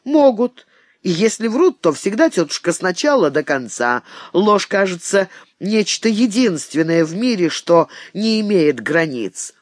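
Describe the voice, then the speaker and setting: Brief: a man reading a passionate young nobleman, heated and earnest, lively pitch, in an audiobook. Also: measured pace, no room sound, clean studio sound, heavily acted. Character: ardent young nobleman defending his fiancée.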